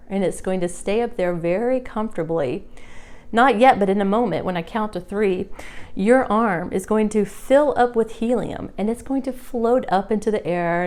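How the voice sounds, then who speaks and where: A woman speaks as a hypnotist in a smooth, clear voice. She gives her suggestions slowly and soothingly, stretching out her phrases for the subject. The pitch is average for a woman. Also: darkish tone. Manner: slow, soothing hypnotist delivery with drawn-out suggestions. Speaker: hypnosis instructor.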